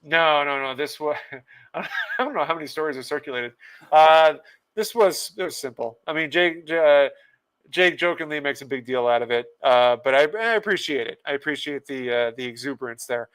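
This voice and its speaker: Male host, casual livestream chat, chuckling, reads comments aloud, slightly high, smooth tone. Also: normal speed, fairly bright tone. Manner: laughs often, reads viewer comments aloud. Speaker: podcast host.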